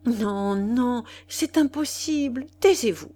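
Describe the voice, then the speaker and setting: A woman's voice: a little high, slow, mellow, voice pushed up. A woman reading the part of a hesitant, trembling married woman who refuses in breathless, faltering words, at times nearly whispered, in a storybook reading. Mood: flustered.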